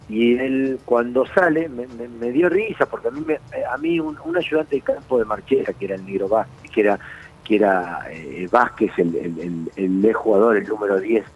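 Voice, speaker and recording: A man's voice: mid-range voice, rough recording. A man with an Argentine accent, a former footballer telling stories as a radio guest, full of restarts and repeated words. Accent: Argentine Spanish. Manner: animated anecdotes, many restarts and repetitions. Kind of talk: radio storytelling.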